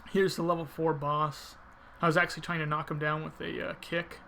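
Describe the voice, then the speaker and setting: Man, game commentator, fairly high bright voice, gravelly creak, informal explaining, background noise. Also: flat delivery, brisk. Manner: informal, thinking aloud as he explains technique. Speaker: video game player commentator. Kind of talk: casual gameplay commentary.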